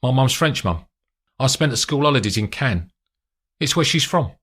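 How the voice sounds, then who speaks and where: A man's voice: mid-range voice, animated, normal speed, fairly bright tone, pitched above the performer's own voice. A man voicing a young male British agent who poses as a formal, solemn French police commander. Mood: deferential.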